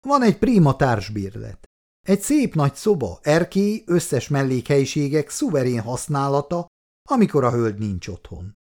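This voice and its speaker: A man reading aloud and voicing a raspy, glib male housing racketeer with a breezy, evasive manner. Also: mid-range voice, very animated, voice pushed up. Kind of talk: storybook reading.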